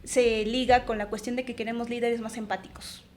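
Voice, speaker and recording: A woman in her twenties with a Mexican accent, co-hosting a podcast in animated, reflective casual chat. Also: on the high side, fairly quick, slight background noise. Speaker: podcast co-host.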